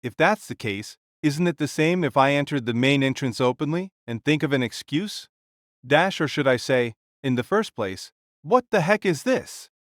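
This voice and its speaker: A man's voice: on the high side, lively intonation, moderate pace, no echo, studio quality, close to an everyday voice. A man voicing a giant, boisterous ancient king spirit in an audio drama, hearty and blunt in manner. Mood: argumentative. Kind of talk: fan audio drama acting.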